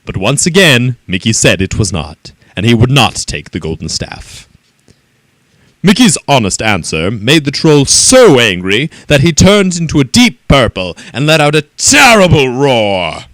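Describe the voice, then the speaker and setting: A man reading a children's story aloud in an expressive, animated way. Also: mid-range voice, unhurried, dry recording.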